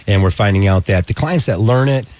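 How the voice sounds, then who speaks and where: A man's voice: on the low side, expressive, brisk, a little mellow. A man hosting a radio talk show.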